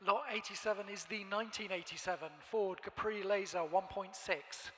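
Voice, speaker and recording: High, even-toned male auction announcer. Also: slight background noise. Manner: measured, formal catalogue delivery. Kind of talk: formal scripted reading of lot descriptions. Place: large auction hall. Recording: hall reverb from PA.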